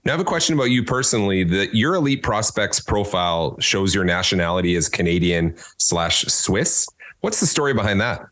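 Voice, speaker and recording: A man hosting a podcast interview, asking questions in an upbeat, lively way. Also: on the low side, a little fast. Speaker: podcast host.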